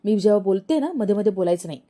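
A woman's voice: medium pitch, expressive, racing, mellow, lightly acted. A woman voicing a stern elderly female ascetic guru who speaks in a reproachful, commanding way.

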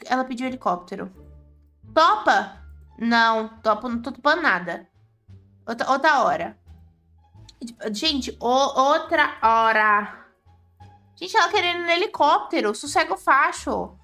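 A woman's voice: high-pitched, bright, forceful tone. A woman with a Brazilian Portuguese accent giving chatty, exclaiming gameplay commentary to her viewers as the host of a gaming channel.

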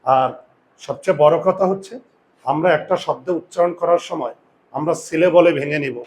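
Quizzing male teacher, slightly high voice. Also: a little mellow. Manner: quizzing students, drawing out sounds slowly. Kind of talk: classroom lesson.

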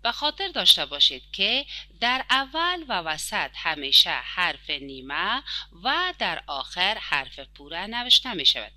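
A woman with an Afghan Dari accent teaching a children's lesson, stretching out words slowly for young pupils. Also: fairly low pitch, sharp tone, dry recording. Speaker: primary school teacher.

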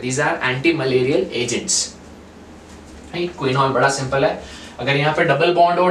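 A man teaching a chemistry lesson at a whiteboard, keeping the class involved with questions and slipping English terms into his explanations. His voice sits a little high for a man. He is recorded from some distance in an echoey room with a faint hiss underneath. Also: fairly bright tone. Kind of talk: whiteboard lecture. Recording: echoey room, far from mic, faint noise.

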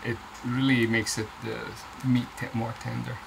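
Gravelly bald man on a boat. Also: medium pitch, normal speed, noisy background. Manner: relaxed, explains as he cooks. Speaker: sailing vlogger. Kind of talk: casual chat while cooking. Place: boat galley, indoors.

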